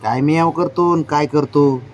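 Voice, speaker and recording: A man's voice: a little high, unhurried, slight background noise. Man coaxing his pet outdoors. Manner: coaxing, doting baby talk, gently scolding. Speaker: vlogger walking his pet cat. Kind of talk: casual talk to a pet. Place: outdoors, in sun and shade.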